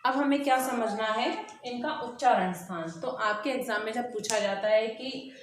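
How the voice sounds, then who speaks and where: A woman teaching an exam-prep grammar lesson, her voice sitting a little high and ringing off the walls of an echoey room. She poses questions to the class and answers them herself. She stretches out each vowel sound slowly so it can be copied. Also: slight background noise.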